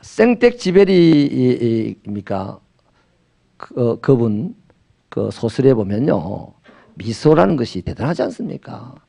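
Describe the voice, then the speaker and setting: A middle-aged man with a Gyeongsang accent, a pastor preaching a sermon in a lively, humorous way and acting out little dialogues. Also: mid-range voice, unhurried, vocal fry. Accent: Gyeongsang Korean.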